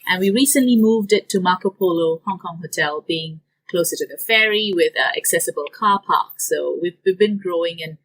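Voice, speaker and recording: A woman's voice: on the low side, normal speed, few pauses, rough recording. A woman from Singapore, a business owner, giving detailed interview answers with some fillers. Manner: detailed, steady explaining with fillers.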